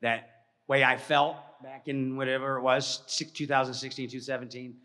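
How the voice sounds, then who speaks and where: A man from Georgia telling a personal story to an audience, animated, often dropping to a hush, with many restarts. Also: medium pitch, moderate pace. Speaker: speaker at a presentation. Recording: long hall reverb.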